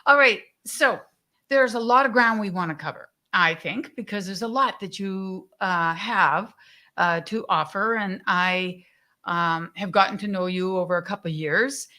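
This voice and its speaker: A woman hosting a live stream interview, gushing with praise and often pausing with fillers. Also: medium pitch. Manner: effusive, warm praise, many fillers. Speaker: host. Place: live stream video call.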